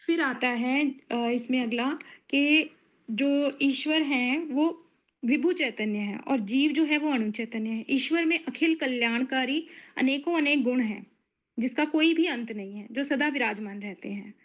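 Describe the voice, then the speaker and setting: A woman speaks in a slightly high voice as she gives a devotional discourse. She explains each point at a measured pace, pausing often and using fillers as she gathers her thoughts. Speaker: spiritual speaker.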